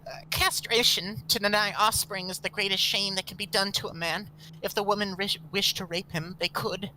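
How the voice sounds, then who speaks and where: A man reading fan fiction aloud while voicing a meek, captive young cat-girl faunus woman in a strained, hesitant falsetto. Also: steady tone, normal speed, sharp tone, slight background noise, low-quality recording. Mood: cowed.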